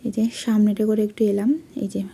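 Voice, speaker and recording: A young woman, a vlogger doing a soft late-night voice-over, speaking quietly so she won't wake her sleeping child. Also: medium pitch, level tone, moderate pace, creaky.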